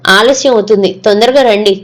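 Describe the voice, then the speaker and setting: A woman's voice: mid-range voice, a little fast, soft background music, close to an everyday voice. A woman voicing a cold young stepmother who speaks curtly. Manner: curt.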